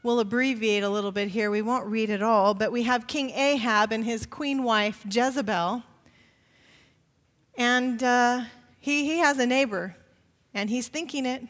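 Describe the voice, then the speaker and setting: A woman pastor preaching a sermon, retelling a scripture story with animated emphasis. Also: unhurried. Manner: expressive storytelling, rising pitch for emphasis. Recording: long reverb of a large hall.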